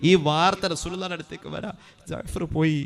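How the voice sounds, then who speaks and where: A man preaching a sermon in a Malayali accent, telling a story in quick, hushed speech and breaking into loud chanted Arabic quotations. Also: on the high side, fairly even intonation. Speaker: Islamic preacher. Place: mosque or religious gathering.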